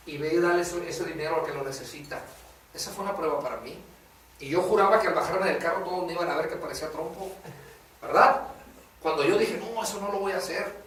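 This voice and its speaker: A man's voice: fairly high pitch, fairly bright tone, a little hiss or hum. A man preaching a sermon in a casual way, often calling the listener "brother" and asking "right?". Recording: echoey room, voice from a distance.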